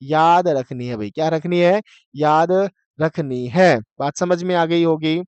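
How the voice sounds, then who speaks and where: A man's voice: a little high, a little mellow, clear, resonant tone, no echo, highs cut off. Male teacher drilling grammar. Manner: call-and-response drilling, chanting verb forms slowly. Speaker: Sanskrit teacher. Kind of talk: grammar lesson.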